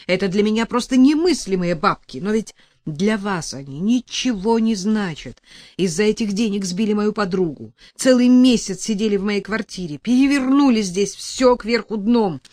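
A woman's voice: mid-range voice, animated, moderate pace, a little mellow, dry recording, studio quality, voice pushed up, lightly acted. A woman reading an audiobook and voicing a frightened young woman who pleads agitatedly. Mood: pleading.

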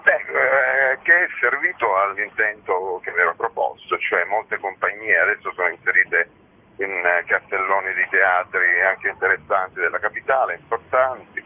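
A man with a low voice speaks at a moderate pace, talking as a festival organiser in a conversational radio interview. He's discursive, frank and matter-of-fact. The audio is muffled and lo-fi.

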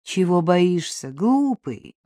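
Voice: medium pitch, big pitch swings, slow pace, warm tone, no echo, clean studio sound. An audiobook reader voicing a cheerful young man who teases his dog. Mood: teasing. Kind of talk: audiobook reading.

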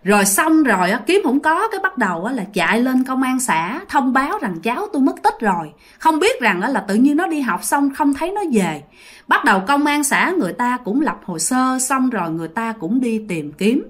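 A woman storyteller narrates a ghost story in a chatty, casual way, turning to her listeners often. Her voice is high, with a lively, swooping pitch. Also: brisk. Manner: chatty, addresses listeners as "các bạn".

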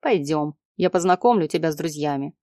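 A woman voicing a guarded, brooding young man in an audiobook, speaking in a quiet, clipped way with her voice pitched lower than her narration. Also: expressive, brisk, dry recording, clean studio sound. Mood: casual. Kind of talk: audiobook character reading.

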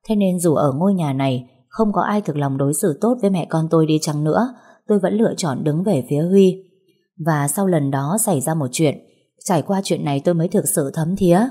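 A woman narrating a first-person audiobook story in a steady storytelling manner. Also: deep voice, husky.

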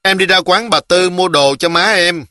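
A man voicing a touchy, excitable little village girl, shrill and pleading. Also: moderate pace, no echo, studio quality. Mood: excited, sulky.

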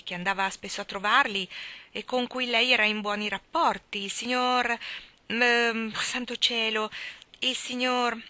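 A woman voicing a proud, lovesick young gentleman who speaks in a tense, clipped way. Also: on the high side, no echo, pitched above the performer's own voice.

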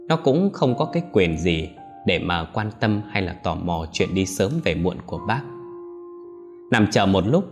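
A man giving steady, scripted narration of a ghost story. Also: on the low side.

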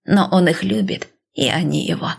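A gentle male god speaks softly and hesitantly, with a slightly gravelly edge, as a woman reads him aloud. His reassurances come measured and cautious, like a calm deity in an audiobook. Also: on the low side, heavily acted.

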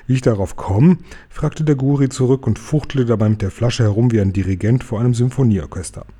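A man reading a children's book aloud in a calm, even narrating voice. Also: medium pitch, fast. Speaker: storyteller.

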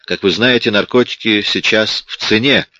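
A huge, desperate father, pleading and raging, as a male narrator voices him. The voice sits very low and dry, with a dull, muffled recording sound. It is read from an audiobook. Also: moderate pace, bright, forceful tone, dry recording. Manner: pleading then roaring in rage. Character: huge desperate man, father frantic for daughter.

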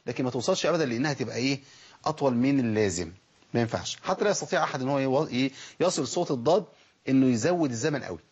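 A man's voice: mid-range voice, slightly rough. A man with an Egyptian accent teaching Quran recitation, asking rhetorical questions and sounding out letters. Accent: Egyptian Arabic. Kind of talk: spoken recitation lesson. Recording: dull lo-fi recording.

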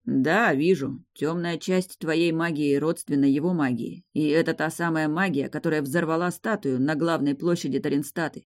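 A woman's voice: deep voice, fairly even intonation, natural voice. A woman voicing a hot-headed young male demon, a co-ruler who growls when jealous. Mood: brash. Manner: growling, quick-tempered.

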